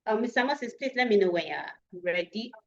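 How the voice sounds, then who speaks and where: A woman hosting an online training session, greeting attendees one by one and pausing over how to say their names. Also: mid-range voice, expressive, gravelly, a little mellow. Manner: unhurried, reading names aloud and pausing over pronunciations. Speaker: webinar host. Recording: dull lo-fi online call audio.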